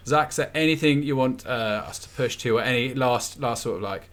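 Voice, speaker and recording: A man hosts a casual football podcast. His voice sits in a middle pitch, and he talks in a chatty, easygoing way, laughing often and restarting his sentences. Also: brisk, a bit bright. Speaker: podcast host.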